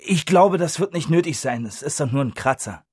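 Nervous injured man, a man voicing a high, tense protesting tone for audiobook. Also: animated, fairly quick, husky, dry recording, studio quality. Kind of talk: audiobook reading.

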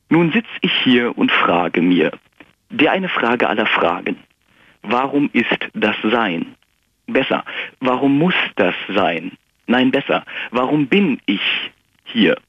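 Brief: male radio caller, poetry recital, dry husky voice, muffled phone sound. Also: mid-range voice, no echo. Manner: hesitant with fillers in talk, rhythmic in verse. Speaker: caller reciting his poems. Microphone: telephone. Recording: dull phone-line sound.

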